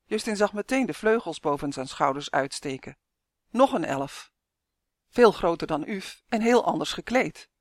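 A woman narrating a children's fantasy story in a measured, expressive way. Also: on the low side, no room sound, clean studio sound.

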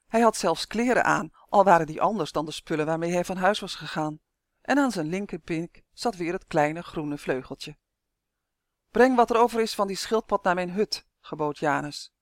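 A narrator reading a children's fantasy story aloud in a steady, expressive way. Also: mid-range voice, no room sound, studio quality. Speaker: audiobook narrator.

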